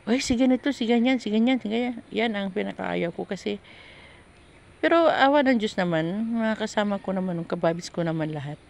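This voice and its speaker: A woman's voice: mid-range voice, creaky. A woman vlogger chatting candidly about her work as a household helper, rambling and restarting as she tells her story. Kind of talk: casual chat.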